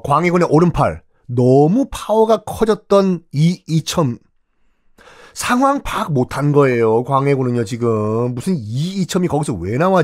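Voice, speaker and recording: A man's voice: fairly high pitch, a little mellow. A man telling a history lesson in a playful, theatrical way, asking rhetorical questions and acting out the scenes. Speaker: history lecturer. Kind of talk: comic history storytelling.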